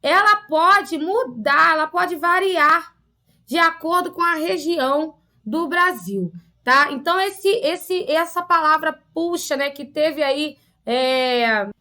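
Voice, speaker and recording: A woman teacher with a Rio de Janeiro accent gives a recorded lesson for children. Her voice sits high and comes across clear and bright. She explains patiently, often ending sentences with short questions to check the class is following. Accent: Rio de Janeiro Portuguese. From Rio de Janeiro, Brazil.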